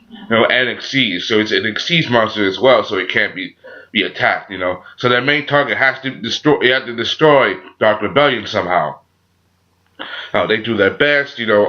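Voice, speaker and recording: A man with a sore throat gives a casual, unscripted review as a channel host, halting and often repeating himself with frequent filler phrases. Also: medium pitch. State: sore throat, a little sick. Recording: dull, muffled lo-fi audio.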